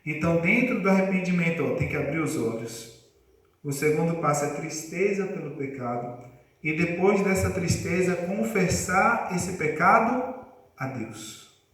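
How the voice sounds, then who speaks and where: A man's voice: fairly high pitch, measured pace, a bit bright. A male preacher giving a conversational sermon, quizzing his congregation. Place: church congregation hall. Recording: echoey room, voice far from mic.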